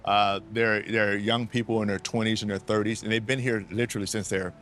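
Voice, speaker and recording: An immigration attorney answers interview questions in his law office, earnest and explanatory, repeating key phrases to stress them. He speaks fairly quickly in a fairly low, level, slightly bright voice, with slight background noise.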